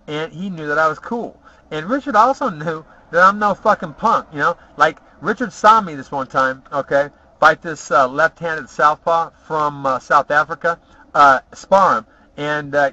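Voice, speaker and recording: A man telling rambling, boastful stories from his past, swearing freely and filling pauses with "uh" and "you know what?". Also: fairly high pitch, bright, forceful tone, no echo. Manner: profane, boastful, rambling with many fillers. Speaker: vlogger telling personal stories. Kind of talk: casual storytelling monologue. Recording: dull lo-fi home video audio.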